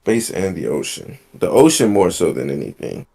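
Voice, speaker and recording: A man's voice: low voice, sing-song, moderate pace, gravelly, dark tone, slightly rough. A man co-hosting a podcast in casual chat, talking emphatically with repetition and loose slang. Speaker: podcast co-host.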